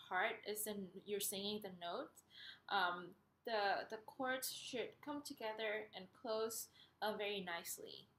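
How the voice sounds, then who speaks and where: A woman giving an instructional singing lesson, explaining step by step in a hesitant, pausing way. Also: mid-range voice, sharp tone, a little hiss or hum. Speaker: singing teacher. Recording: roomy, echoey sound.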